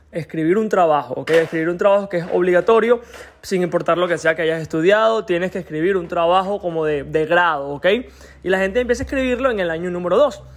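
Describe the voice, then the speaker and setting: High-voiced man hosting a podcast. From Venezuela. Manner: chatty storyteller, keeps checking in with the listener. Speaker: podcast host. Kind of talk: casual podcast monologue.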